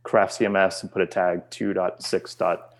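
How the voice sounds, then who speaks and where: Man, low voice, relaxed expert guest explaining in casual chat. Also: moderate pace.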